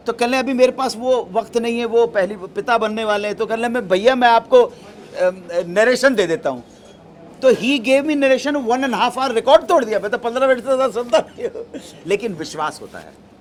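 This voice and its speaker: This middle-aged man answers questions from reporters at a press event in a careful, explanatory manner, peppering his answers with English terms. He speaks with a high pitch, and there's a slight hiss or hum.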